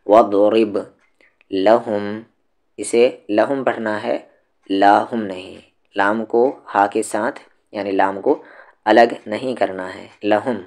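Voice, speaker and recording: A man teaches tajweed step by step. He speaks slowly and patiently, repeating each sound so the learner can copy it. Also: fairly low pitch, fairly even intonation, a little mellow. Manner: slow, patient, repeats each word to demonstrate it. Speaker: Quran recitation teacher. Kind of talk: tajweed lesson, explaining and demonstrating pronunciation.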